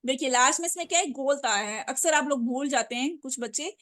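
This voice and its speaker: A woman teaching Quran recitation in a lesson, patiently repeating words slowly for her pupils, speaking words. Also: high voice, fairly bright tone. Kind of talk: online tajweed lesson.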